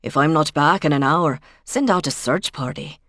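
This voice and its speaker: A woman's voice: low-pitched, normal speed, a bit bright, no room sound, studio quality. A woman narrator voicing an easygoing, joking heir to an old estate in a cozy mystery audiobook, with a light, teasing manner.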